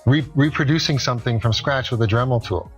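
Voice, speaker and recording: A man's voice: mid-range voice, brisk, music in the background. A middle-aged man giving an informal, persuasive home shopping demonstration in a conversational, instructional way. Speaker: product demonstrator on a shopping show.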